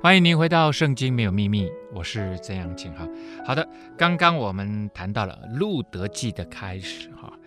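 A man hosting a radio Bible teaching program, explaining scripture with lively storytelling full of filler particles. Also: lowish voice, moderate pace, over music.

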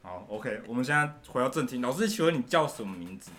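A man's voice: mid-range voice, big pitch swings, quick pace, a bit bright. A man hosting a casual comedy podcast, teasing his guest and playing the straight man. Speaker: podcast host.

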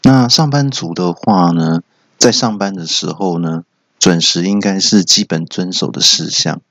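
A man hosting a solo comedy show, telling jokey stories and jumping into shouted character quotes. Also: low voice, a little slow, creaky, no room sound. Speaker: comedy podcast host. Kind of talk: solo stand-up storytelling. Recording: dull lo-fi recording.

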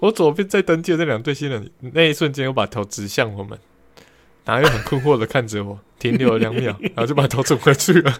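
Co-host with lively intonation. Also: male voice, medium pitch, quick pace, a little hiss or hum. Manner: good-natured, protesting banter. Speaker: podcast co-host. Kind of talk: casual chat.

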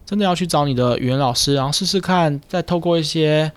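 A man's voice: on the high side, fast talker, clear, resonant tone, dry recording. A man, a speech therapist hosting a casual podcast chat, explaining patiently and teasing his co-host. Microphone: studio mic with headphones.

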